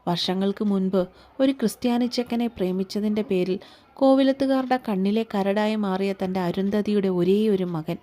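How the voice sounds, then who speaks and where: A woman narrating a romance story in a calm, measured storytelling manner. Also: mid-range voice. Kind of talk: scripted narration.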